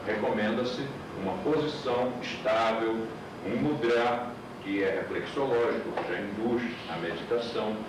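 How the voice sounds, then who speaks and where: A man teaching a class, explaining patiently and asking rhetorical questions, heard from an old VHS tape recording. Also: mid-range voice. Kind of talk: classroom lecture. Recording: echoey, distant, hissy old VHS tape.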